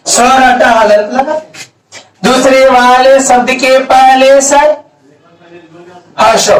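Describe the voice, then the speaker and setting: A man's voice: extremely high pitch, fairly bright tone. A man teaching a grammar lesson at a board, asking questions and answering them himself, stretching out key words. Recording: echoey room, mic far off.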